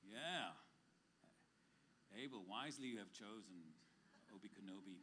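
A man's voice: on the low side, lively intonation, a little slow, bright, forceful tone, slight background noise. A man ministering as a pastor in a church service, speaking emphatically with joking asides. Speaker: pastor giving prophetic words. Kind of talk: prophetic ministry to congregation.

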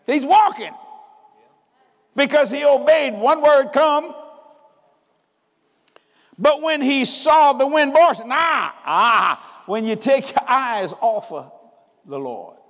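High-voiced man in a hall. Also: lively intonation, takes it slowly, pauses often. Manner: preaching with call-and-response emphasis. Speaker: preacher. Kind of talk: sermon.

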